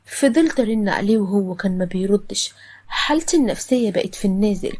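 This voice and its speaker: An Egyptian woman tells a scripted first-person story. Her delivery is dramatic and full of feeling, at a middle pitch. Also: a little mellow. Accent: Egyptian Arabic. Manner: dramatic, emotional retelling.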